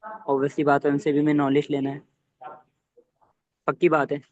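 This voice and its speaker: A man leading an online training session for his team, talking fast and quizzing listeners with either-or questions. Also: on the high side, completely flat delivery, no echo, lo-fi sound.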